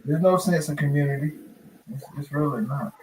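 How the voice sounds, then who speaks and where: Higher-voiced man chatting over background noise. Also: a little fast, darkish tone, poor audio. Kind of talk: casual group discussion.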